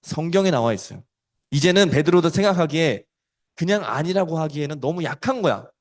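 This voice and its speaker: A man preaching a storytelling sermon to children, animated and swinging between loud and soft. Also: a little high, a little fast.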